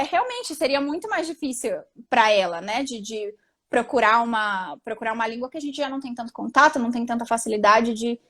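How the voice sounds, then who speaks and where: This is a woman in her thirties, chatting casually on a live stream. Her voice sits high, and she talks in a chatty, emphatic way, full of fillers. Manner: chatty, emphatic, says "tipo" and "entendeu" a lot. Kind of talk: casual chat.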